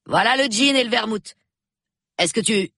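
A man's voice: sits high, creaky, pushed and bright, no echo, studio quality, pitched above the performer's own voice, heavily acted. Man voicing a nervy, sulky young man. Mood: shaken. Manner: rushed, sullen and shaky. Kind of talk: audiobook character voice.

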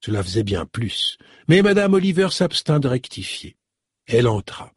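Expressive husky male audiobook narrator. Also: mid-range voice, normal speed, no echo, studio quality. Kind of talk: scripted narration.

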